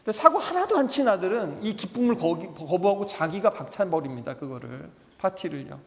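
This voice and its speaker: A man's voice: sits high, very animated, brisk, creaky, a bit bright. A male pastor preaching a Sunday sermon, acting out quoted voices and asking the congregation to repeat phrases after him. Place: church hall. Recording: echoey church hall with long reverb.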